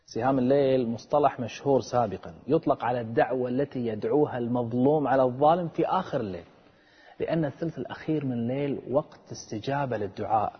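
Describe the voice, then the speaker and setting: A man preaching a sermon with earnest, dramatic storytelling and a husky voice. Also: mid-range voice, fast. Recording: echoey and dull, long reverb.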